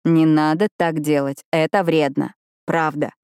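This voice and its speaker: A woman's voice: low voice, flat delivery, measured pace, a little mellow, smooth, dry recording. A woman reading the part of a teasing, tender young man in an audiobook, with a close, dry sound. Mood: gentle.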